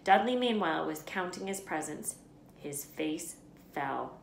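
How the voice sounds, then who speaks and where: A woman reading a children's story aloud in an expressive narrating style. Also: deep voice, measured pace, gravelly, a little hiss or hum. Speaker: read-aloud storyteller, teacher. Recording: echoey room.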